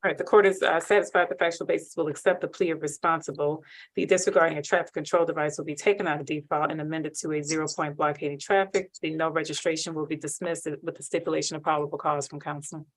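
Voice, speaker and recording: A woman judge, heard on a courtroom recording, running a hearing in a brisk, formal way and reading procedure by rote. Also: low-pitched, fairly even intonation, rough recording.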